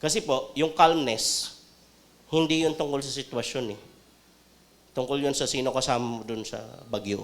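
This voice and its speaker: A man preaching a sermon as a pastor, with a Filipino accent, joking one moment, loud the next, then dropping to quiet earnest talk. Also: mid-range voice, normal speed, long pauses. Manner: animated, jokey preaching that swings between loud outbursts and quiet talk.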